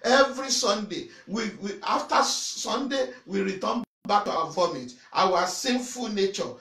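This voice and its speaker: A middle-aged pastor delivers a forceful sermon to camera in a small indoor church room in front of a banner, repeating phrases, erupting in sudden loud shouts and waving his arms as he gestures. His voice is high, gravelly and lively in intonation, a little slow, and the room echoes.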